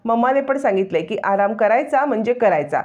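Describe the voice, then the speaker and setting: A woman's voice: on the high side, animated, brisk, darkish tone, lightly acted. Woman reading as an insistent, fussing young husband. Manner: insistent, exasperated. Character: caring, scolding young husband.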